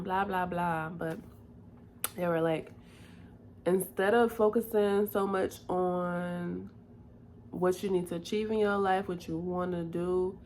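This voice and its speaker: Woman, slow unhurried talk, lower voice, tearful and weary, soft confiding video diary. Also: a little hiss or hum. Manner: slow, soft-spoken and confiding, drifting between calm and weary. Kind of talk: casual personal video diary.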